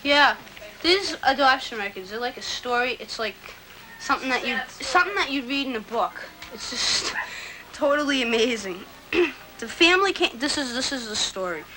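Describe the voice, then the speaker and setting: A nineteen-year-old woman reciting her own poem and reading records aloud in a plain, earnest way, with some halting restarts, heard from a worn VHS tape copy. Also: high voice, lively intonation, pushed and bright, low-quality recording. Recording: hissy worn videotape copy.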